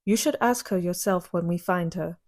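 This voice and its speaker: A woman's voice: on the low side, moderate pace, darkish tone, lightly acted. A woman playing a stern, fiery young woman warrior who speaks in blunt, clipped lines.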